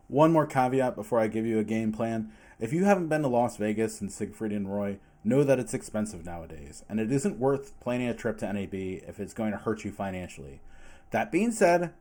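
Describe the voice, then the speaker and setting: A man reading scripted vlog narration in a measured, advisory way. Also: lowish voice, warm tone. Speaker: vlog host, film sound mixer.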